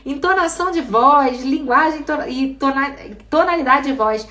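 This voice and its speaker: A woman with a Brazilian Portuguese accent teaching speaking skills in a live online class, lively and asking the class questions. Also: high voice, normal speed, far from the mic. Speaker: speaking coach. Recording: roomy, from off the mic.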